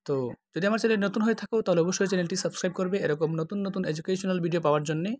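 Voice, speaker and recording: A man's voice: high voice, steady tone, no echo. A man with a slightly raised voice teaches alphabet sounds in a patient tutorial, stretching each vowel so learners can follow. The recording is close and dry, with no room sound. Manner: patient, drawn-out letter sounds. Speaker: language teacher. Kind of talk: tutorial explanation.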